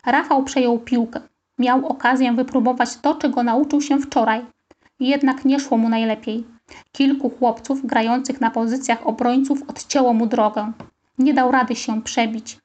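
A woman narrating a children's story in first person, with a lively, expressive reading. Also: on the high side. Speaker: audiobook reader.

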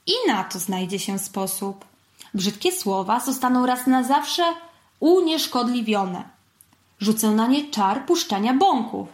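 Lady reading as sly old puppet wizard, slow and calm, bit higher, echoey room. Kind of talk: storybook reading.

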